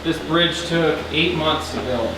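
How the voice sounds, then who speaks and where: A man's voice: on the high side, a little slow, background noise. Plain-spoken man showing a house, roomy sound. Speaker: homeowner and furniture maker. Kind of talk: casual, unscripted house tour explanation. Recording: roomy echo, background music. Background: music.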